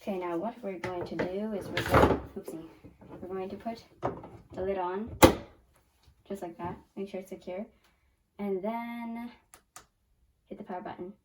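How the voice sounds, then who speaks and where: A 12-year-old girl who hosts a science channel talks through a home experiment in a squeaky, high voice, chatting and correcting herself at each step of the casual hands-on demo. The tone is steady and unhurried with frequent pauses. She sounds distant from the mic in a small room, and the recording is very noisy.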